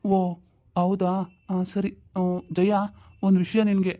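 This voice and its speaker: A woman doing a low, casual husband. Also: flat delivery, takes it slowly, lo-fi sound, lightly acted. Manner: casual, matter-of-fact, dropped into a low register. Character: grown man, husband, easygoing and brisk. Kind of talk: home-made family drama.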